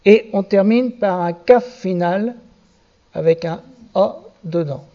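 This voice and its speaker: A man's voice: high-pitched, slow pace, dark tone, lo-fi sound. A man teaching a Hebrew reading lesson to a class, patiently spelling out letters and syllables one by one.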